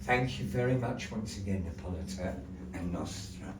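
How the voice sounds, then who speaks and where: A man with a low-pitched voice, speaking at normal speed, hosts a puppet show before a live audience, delivering showy, grandly polite, playful patter alongside a puppet fortune-teller. He's recorded from a distance on a room mic, so the echoey space sounds far away, and the background is noisy.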